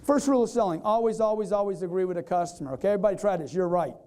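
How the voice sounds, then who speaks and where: A man giving an energetic live sales seminar, quizzing the audience and acting out customers in quoted voices. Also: sits high, racing. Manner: energetic, repetitive, keeps quizzing the crowd. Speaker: sales trainer.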